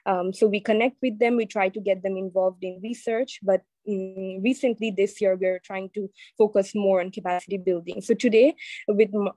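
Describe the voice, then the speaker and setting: A woman's voice: mid-range voice, dark tone, no room sound. A woman moderating an online session, introducing it and the guest with many ums and uhs.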